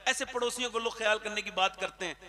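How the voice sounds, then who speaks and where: A man preaching an emotional devotional sermon, telling a story that swings from soft narration to shouted climaxes, and calling on the crowd to respond. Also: sits high, quick pace.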